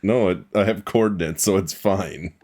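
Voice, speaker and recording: A man's voice: sits low, moderate pace, a little mellow. A man hosting a casual gaming stream with friends, teasing them and laughing at his own mishaps. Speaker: streamer and host.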